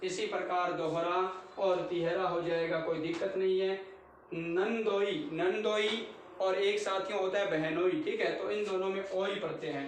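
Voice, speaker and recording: A man's voice: high voice, steady tone, measured pace, slight background noise. A man teaching Hindi grammar in a class, repeating each word and quizzing his students as he goes. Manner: repetitive, drills each word with quiz questions to students. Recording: very echoey room, mic far off.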